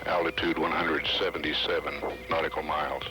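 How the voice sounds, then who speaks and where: Man, low flat voice, matter-of-fact mission control commentary, measured, music behind. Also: rough recording. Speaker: mission control public announcer. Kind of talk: live technical mission commentary.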